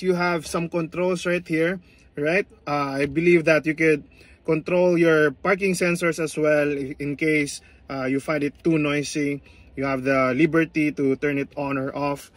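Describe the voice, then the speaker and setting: Upbeat male car reviewer, fairly high and bright, close dry sound, talks to viewers as guys. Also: no echo. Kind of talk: walkaround car review vlog.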